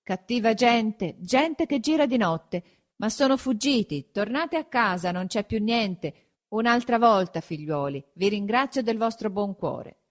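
A woman's voice: fairly high pitch, animated, measured pace, pitched above the performer's own voice. A woman reading aloud, voicing a timid, fretful old village priest who anxiously placates a crowd. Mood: nervous placating.

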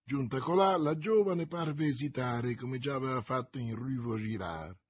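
A man narrating a classic novel in a measured, deliberate audiobook reading. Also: mid-range voice, slightly rough.

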